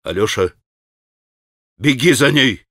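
A man's voice: mid-range voice, expressive, takes it slowly, sharp tone, no room sound, clean studio sound, exaggerated voice. A man reading an audiobook, voicing an impulsive, anguished young man who exclaims and pleads.

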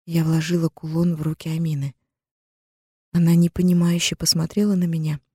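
A woman reads a first-person story aloud in a mellow, warm, darkish voice. Her steady, tense delivery sits close and dry in the recording, typical of a studio audiobook narration. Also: low-pitched, brisk, husky, dry recording.

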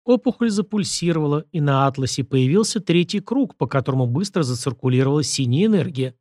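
A man reads a first-person audiobook in a steady, measured way. His voice sits somewhat high for a man, recorded close with a dry, deadened sound. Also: dry recording. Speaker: audiobook narrator.

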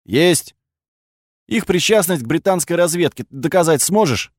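A man voicing a gruff, irritable male security colonel who barks his orders with exasperation. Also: a little high, lively intonation, moderate pace, no echo, clean studio sound, voice pushed up. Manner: barking, exasperated.

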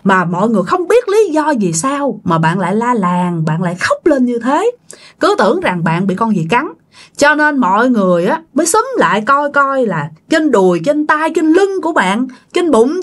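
A woman's voice: fairly high pitch, big pitch swings, moderate pace. A woman, hosting and narrating a ghost story casually, talking straight to her listeners. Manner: chatty, addresses listeners directly. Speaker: storytelling channel host.

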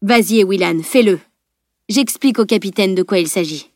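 A woman reading the lines of a calm, decisive older male mentor in an audiobook. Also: medium pitch, moderate pace, no echo, clean studio sound, lightly acted. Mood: firm.

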